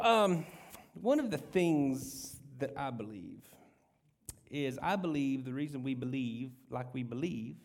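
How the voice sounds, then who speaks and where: A man's voice: fairly high pitch, gravelly. A middle-aged male pastor preaching a casual, conversational sermon, telling stories with jokey asides and asking the congregation questions.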